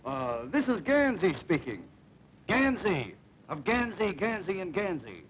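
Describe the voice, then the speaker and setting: Dull, noisy early talkie soundtrack of a cocky comic schemer. His voice is high and swoops about as he brags in grand, boastful phrases. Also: very animated, measured pace. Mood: grandiose bluffing. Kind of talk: early talkie film comedy acting.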